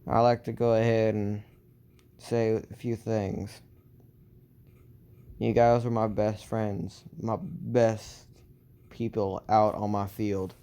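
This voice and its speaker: A solemn young soldier hero, as a man puts him on, speaking in slow, halting, earnest phrases. The voice sits low and mellow, smooth and clean. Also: level tone.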